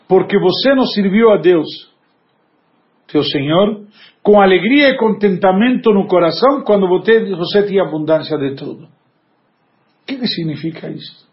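A man with a high voice delivers a sermon full of stories and jokes, stopping to quiz his listeners. The recording is dull and lo-fi, with the treble rolled off. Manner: tells jokes and acts out dialogue; asks the audience questions. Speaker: religious teacher. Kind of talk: sermon with storytelling.

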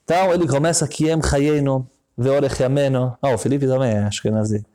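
A man preaching a sermon as a story, building his voice up to high emotional peaks and dropping low again, sometimes chanting short prayer lines. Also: steady tone, brisk, warm tone.

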